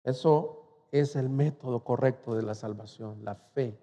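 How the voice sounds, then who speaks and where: A man's voice: medium pitch, measured pace, warm tone, in a large hall. A man pastor from Mexico preaching an impassioned sermon, rising to fervent cries. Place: church.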